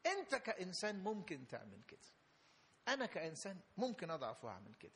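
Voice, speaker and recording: A man's voice: high-pitched, wildly swooping pitch, fast talker, a bit bright. A man preaching a sermon with an Egyptian Arabic accent, emphatic and repetitive, building to fervent peaks. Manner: emphatic, repeats phrases, rising fervor.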